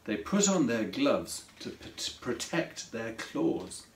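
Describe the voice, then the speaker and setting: Man slowly reading a children's story. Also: mid-range voice, vocal fry. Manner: slow, expressive read-aloud. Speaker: author reading his own story. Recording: roomy echo from a distance.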